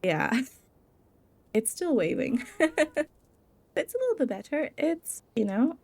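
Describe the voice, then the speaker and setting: A woman's voice: fairly high pitch, huge pitch swings, slow pace, a little mellow, dry recording. Giggly young woman rambling over gameplay. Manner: giggly, rambling and self-deprecating. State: tired. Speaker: Minecraft let's play creator. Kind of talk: casual gameplay commentary.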